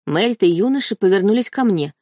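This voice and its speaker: A woman narrating a first-person novel as an audiobook reader, with steady storytelling. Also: medium pitch, fast, dry recording, studio quality. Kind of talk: scripted narration.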